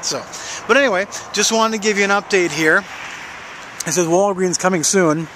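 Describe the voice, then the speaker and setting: A man's voice: high voice, moderate pace. A middle-aged American man giving a casual, rambling walk-and-talk update, musing aloud into a handheld camera outdoors by a road. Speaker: public access TV presenter and weatherman. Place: outdoors beside a busy road and construction fence. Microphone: handheld camera at arm's length. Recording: noisy outdoor roadside handheld recording.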